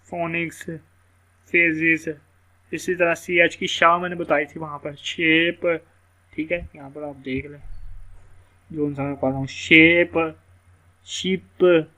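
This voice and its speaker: A man's voice: fairly high pitch, fairly bright tone. Man teaching phonics casually. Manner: casual, explanatory, repeats words slowly letter by letter. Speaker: English teacher. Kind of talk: screen-share phonics lesson.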